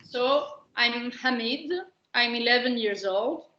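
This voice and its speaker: Woman, Greek accent, guiding questions, slow pace, dull muffled sound. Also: on the high side, bright, forceful tone. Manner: slow, questioning, speaks as a child role in first person. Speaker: workshop presenter. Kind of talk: guiding a webinar activity. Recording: roomy lo-fi online call audio.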